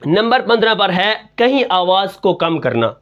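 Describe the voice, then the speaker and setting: In a muffled recording, a high-voiced man with big pitch swings gives a tajweed lesson in Urdu on recitation rules. He asks his own questions and answers them, dropping low on each answer, and breaks into slow, drawn-out Quran recitation as a demonstration.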